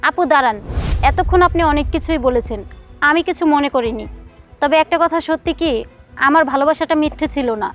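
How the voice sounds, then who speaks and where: A woman's voice: high-pitched, a little fast, fairly bright tone, faint music behind. A woman acting a deceived girlfriend in a short drama film, indignant and confrontational. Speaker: actor playing a deceived girlfriend.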